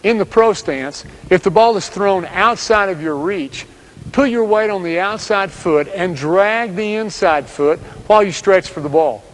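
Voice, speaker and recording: A man giving scripted instructional narration as a basketball coach, speaking in steady, direct commands. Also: high voice, a little slow, a little hiss or hum, poor audio.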